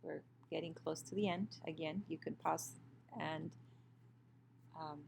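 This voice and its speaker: A woman's voice: low-pitched, fairly even intonation, a little slow, creaky, darkish tone, slight background noise. A woman teaching a recorded Spanish grammar lesson over a screen share, explaining patiently with fillers and self-corrections. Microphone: computer mic for a screen recording.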